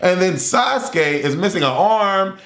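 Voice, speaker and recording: A man reviewing an anime episode in a rambling, animated casual chat, laughing often. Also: high-pitched, measured pace. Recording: roomy echo.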